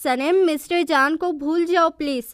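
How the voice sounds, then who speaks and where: A woman's voice: high voice, fairly even intonation, unhurried, no echo, studio quality. A woman reading a caring young friend. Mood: concerned.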